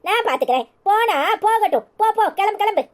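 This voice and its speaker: A woman's voice: very high-pitched, expressive, quick pace. A woman doing a scornful old mother-in-law with a Tirunelveli accent. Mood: dismissive. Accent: Tirunelveli Tamil. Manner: scolding, scornful, bossy. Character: sharp-tongued older mother-in-law, scolding and scornful.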